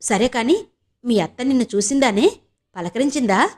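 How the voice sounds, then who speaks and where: A woman's voice: fairly high pitch, expressive, moderate pace, a little mellow. Woman voicing a fretful middle-aged mother. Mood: anxious. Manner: coaxing, fretful. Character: worried middle-aged mother, soothing and anxious.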